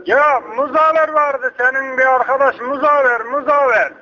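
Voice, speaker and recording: In this lo-fi, dull-sounding prank call, a man exaggerates a very high, bright, forceful voice, keeping a steady tone at normal speed. His character is a rambling, hard-of-hearing village uncle who won't give up, repeating things and telling others to speak up.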